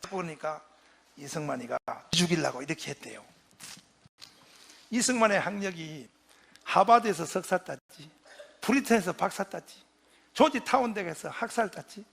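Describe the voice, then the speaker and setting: A man, a pastor, giving a fiery patriotic lecture, shouting and leading the crowd in chanted responses. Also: high voice, creaky. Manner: acts out quoted voices.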